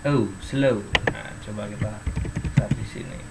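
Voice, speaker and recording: A man's voice: fairly low pitch, steady tone, unhurried, noisy background. A man teaching English in an online class, explaining step by step and reading example sentences and dictionary entries aloud.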